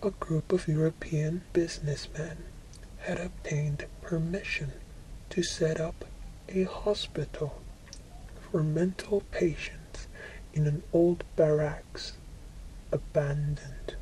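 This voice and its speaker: A person reading a book aloud for ASMR in a soft, breathy whisper, with deliberate phrasing and frequent pauses. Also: mid-range voice, steady tone, a little hiss or hum, poor audio. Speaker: ASMR reader.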